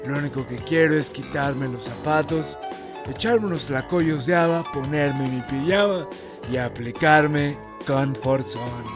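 A man's voice: a little high, a little slow, over music, lightly acted. A man with a Mexican accent playing a worn-out, weary customer in a mock advert testimonial. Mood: weary, soothed.

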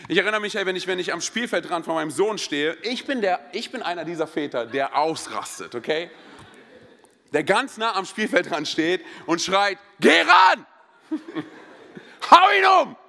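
A man in his thirties preaching a sermon in a church, energetic and joking, telling personal stories with many interjections. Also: sits high, moderate pace. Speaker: pastor. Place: church hall. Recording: long hall reverb.

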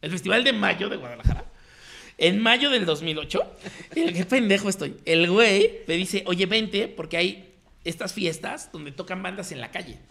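A man's voice: high voice, animated, moderate pace, vocal fry, sharp tone. A man in his thirties with a Mexican accent, telling his story in slangy casual chat and acting out the voices of people he quotes. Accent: Mexican Spanish.

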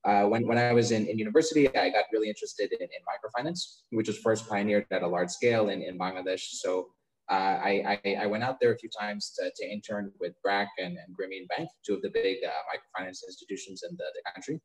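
A man's voice: on the low side, fast talker, poor audio. A young man talking as a podcast guest about his company, often repeating words and restarting his sentences while he thinks. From United States. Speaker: podcast guest, startup founder. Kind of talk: casual interview conversation. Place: remote call from abroad.

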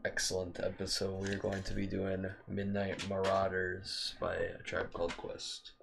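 A man's voice: sits low, monotone, a little slow, vocal fry, noisy background. A man co-hosting a podcast, chatting casually about an album, rambling and trailing off mid-sentence. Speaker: podcast co-host. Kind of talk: casual chat reviewing an album.

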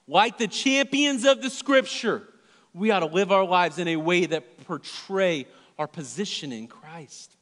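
A male pastor preaches in a church with a big-room sound, his voice a little high. He is earnest throughout, alternating loud, emphatic passages with hushed, almost whispered ones.

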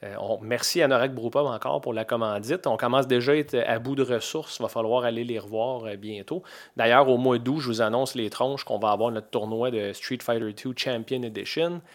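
A man's voice: medium pitch, steady tone, brisk. A man in his forties with a Québécois accent, hosting a podcast in a loose, chatty way full of fillers and restarts. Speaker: podcast host. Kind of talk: casual podcast chat.

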